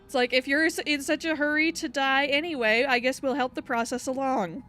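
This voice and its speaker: Fairly high-voiced woman in casual game chat. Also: steady tone, a little fast, a bit bright, faint music behind. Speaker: game narrator for players.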